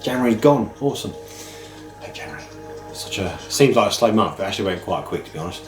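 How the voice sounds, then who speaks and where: Expressive and quick, a British man with a low voice talks casually to camera for his video game pick-ups channel. A head cold, or man flu, leaves him slightly nasal and stuffed up. Music sits under the recording, which has a roomy echo.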